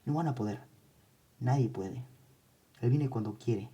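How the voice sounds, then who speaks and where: Audiobook: eerie hypnotized little girl, read by a man, soft and plain, low dark tone. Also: a little slow, muffled recording, close to an everyday voice. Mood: haunted insistent. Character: young girl under hypnosis, dreamy and eerie.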